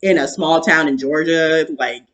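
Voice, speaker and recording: A woman's voice: deep voice, normal speed, fairly bright tone. A tipsy woman co-hosting a book club, chatting casually in a loose, rambling, giggly way. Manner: giggly, breaks often into laughter. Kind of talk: casual book review chat.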